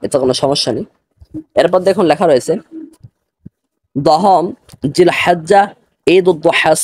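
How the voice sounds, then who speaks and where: Man teaching slowly, dry close sound. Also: on the high side, darkish tone, no echo. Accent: Bangladeshi Bengali. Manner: slow, careful, repeats pronunciations. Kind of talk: online language lesson.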